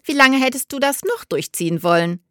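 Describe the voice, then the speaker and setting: A brisk older mother, as a woman reader puts her on, snaps her words out curtly and with command. Her voice swings widely in pitch and sits close and dry. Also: very animated, bright, forceful tone, no echo, exaggerated voice. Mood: brisk, stern. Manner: curt, commanding.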